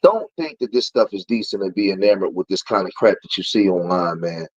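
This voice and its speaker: A man's voice: sits low, a little fast, slightly rough, highs cut off. A man in his forties, joining the livestream over his phone, talking about street life and lecturing with rising heat. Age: 40s. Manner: preachy, grows heated and louder. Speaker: guest. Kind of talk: casual talk on a livestream.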